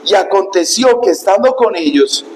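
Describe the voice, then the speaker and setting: A male pastor preaching a sermon, emphatic and dramatic, breaking into shouts. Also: sits high, expressive, moderate pace, reverberant, a little hiss or hum, low-quality recording. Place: church.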